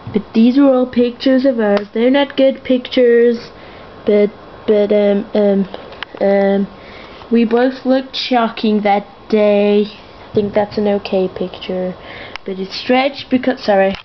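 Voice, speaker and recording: A woman's voice: mid-range voice, steady tone, takes it slowly, dull audio, a little hiss or hum. A young woman chatting aimlessly to her camera in her bedroom, full of fillers, giggles and side remarks. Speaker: vlogger. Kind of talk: rambling casual vlog.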